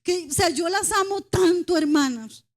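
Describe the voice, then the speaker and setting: Her pitch is extremely high and her delivery animated, at a normal speed, as she preaches in church. Emphatic and direct, she repeatedly addresses her listeners as brothers and sisters, speaking as a mother and referring to her daughters.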